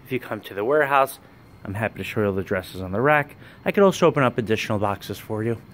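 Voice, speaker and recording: A man, running a wholesale business, giving a plain walkthrough sales pitch in a warehouse, listing items one by one while filming on a handheld phone. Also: animated, quick pace, fairly bright tone, a little hiss or hum. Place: indoor warehouse with dress racks. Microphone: handheld phone camera, speaker off screen.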